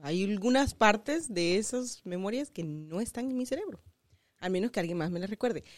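Casual co-host, woman from Mexico, animated and probing, high, dry close mic. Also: moderate pace, no echo. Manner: lively, probing questions, code-switches briefly into English. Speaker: podcast co-host. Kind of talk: casual family chat.

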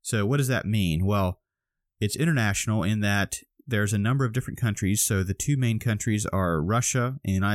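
Talking fairly quickly at a fairly low pitch, a podcast co-host breaks a topic down step by step in relaxed conversation, restarting often and seeming slightly groggy. The recording is clean studio audio with no room sound.

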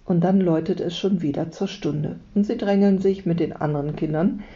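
A woman teacher calmly reading a children's book aloud to her class. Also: fairly low pitch, brisk. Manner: calm, steady storytelling. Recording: dull lo-fi recording.

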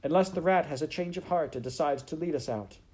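A man voicing a gentle, earnest captive princess in a storybook, well-spoken in manner. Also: on the high side, a little fast, voice pushed up, natural voice. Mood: resigned.

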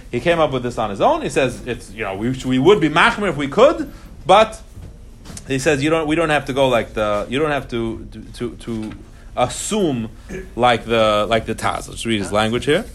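A man teaches an informal class on religious law, speaking emphatically, repeating key phrases and weaving Hebrew terms into his English. His mid-range voice is sing-song and fairly bright, at a moderate pace.

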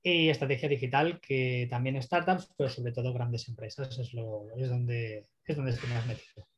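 A man from Barcelona, a guest consultant, chatting in a lively, rambling way in an interview. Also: medium pitch, moderate pace, highs cut off, slight background noise. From Barcelona, Spain. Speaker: guest, digital strategy consultant. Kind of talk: casual interview chat.

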